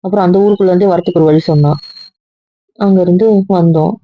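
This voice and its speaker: A woman's voice: on the low side, steady tone, fast, lightly acted. A woman playing an upset young wife in an amateur audio drama, protesting and explaining herself at length. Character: hurt, defensive young wife. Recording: dry, dull lo-fi audio.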